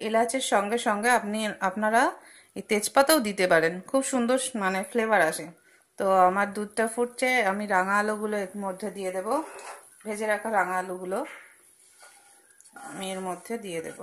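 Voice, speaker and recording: A woman with a mid-range voice talks fairly quickly while cooking at a gas stove in her home kitchen, a pan sizzling and frying nearby. As a cooking channel host giving a casual demo voice-over, she chats her way through each step with fillers and asides.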